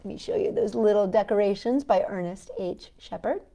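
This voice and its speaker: Her mid-range voice is very animated, a little fast and mellow, with vocal fry. She's a native English speaker hosting a chatty storytime for young children, playfully tossing little questions and tag questions to her companion and young audience.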